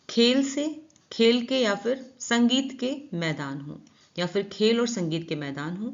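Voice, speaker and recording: A woman with an Indian accent explains a newspaper editorial as an English teacher. She reads the English lines slowly and then explains them. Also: medium pitch, gravelly, highs cut off.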